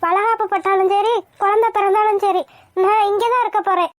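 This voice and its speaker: Woman playing a young cartoon wife, very high voice, earnest and insistent, dry sound. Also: steady tone, fairly quick, no room sound. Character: young pregnant wife, gentle but firm. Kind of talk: cartoon voice acting.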